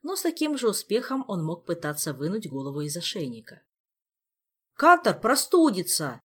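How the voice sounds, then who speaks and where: A man reads an audiobook aloud in expressive storytelling style. His pitch moves a lot, and his voice has a faintly husky edge. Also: quick pace. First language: Indonesian. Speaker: audiobook reader. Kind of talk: audiobook narration.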